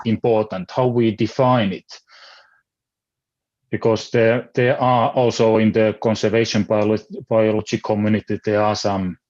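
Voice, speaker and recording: Heard over dull, lo-fi call audio, a Finnish man with a lowish, darkish voice joins an online panel as a philosopher. He is a native Finnish speaker with a Finnish accent, and he hesitates, frequently starting over as he hunts for the right words.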